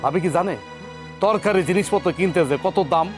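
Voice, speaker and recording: A man's voice: high voice, fairly quick, close to an everyday voice. A man playing an indignant young husband. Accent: colloquial Bangladeshi Bengali. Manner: indignant, scolding. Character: angry young husband defending his mother. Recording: with faint background music.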